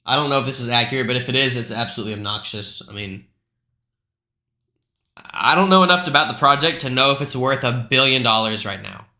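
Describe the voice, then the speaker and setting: A man's voice: mid-range voice, fairly quick, pushed and bright, roomy sound. A man hosting a live stream, talking through price charts in a loose, chatty way with lots of asides. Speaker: crypto live stream host.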